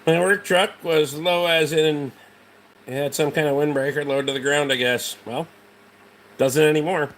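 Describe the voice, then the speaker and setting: A man's voice: a little high, steady tone, normal speed, a bit bright. A man with a Rhode Island accent chatting casually on a livestream as host, blunt, dismissive and heavily profane. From Rhode Island, United States. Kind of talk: casual livestream chat answering viewers.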